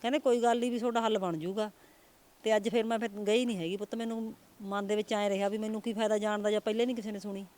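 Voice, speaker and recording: A woman's voice: medium pitch, fairly even intonation, very fast, darkish tone. A middle-aged woman from Punjab, India, a grieving mother answering interview questions in a plaintive voice, repeating her complaints.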